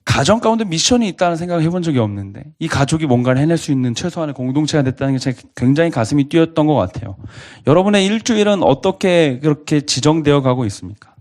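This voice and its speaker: A man's voice: on the high side, expressive, quick pace, darkish tone. A man pastor preaching a sermon to a college congregation, earnestly asking them repeated questions.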